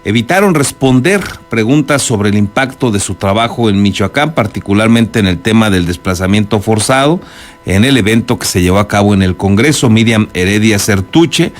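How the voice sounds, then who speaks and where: A man with a Mexican accent anchors a news programme, blending reports with his own spoken commentary while background music plays beneath him. His voice is on the low side, with lively intonation and a normal pace.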